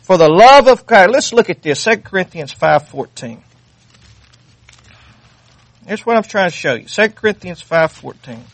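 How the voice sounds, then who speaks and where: High-voiced fervent male preacher. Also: expressive, normal speed, vocal fry, long pauses, no room sound. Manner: fervent, repeats phrases, reads scripture aloud. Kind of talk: sermon.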